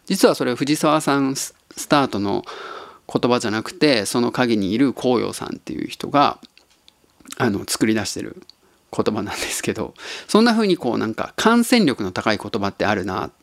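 A man's voice: medium pitch, animated, normal speed, no room sound. A man from Tottori hosting a casual solo podcast, musing in an easygoing way and chuckling often. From Tottori, Japan. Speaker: podcast host.

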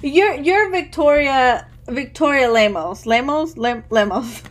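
A podcast host in her early thirties leads a relaxed interview chat in a quite high voice, speaking a little slowly. Chatty and rambling, she restarts often and says "like" constantly.

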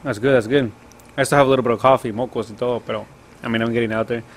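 A man's voice: mid-range voice, steady tone, very fast. A young man co-hosting a casual podcast, telling a rambling story, swearing freely and dropping Spanish words. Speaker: podcast co-host, delivery driver.

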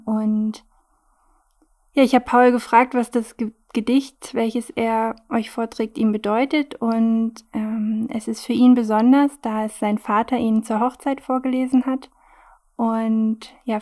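A woman hosting a podcast, introducing a guest softly and hesitantly, with fillers. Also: a little high. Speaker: podcast host.

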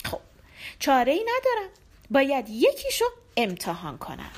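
A woman's voice: high-pitched, huge pitch swings, exaggerated voice. A woman voicing a curious young prince who talks to himself in a storybook folk tale. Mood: anxious. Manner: musing aloud, earnest.

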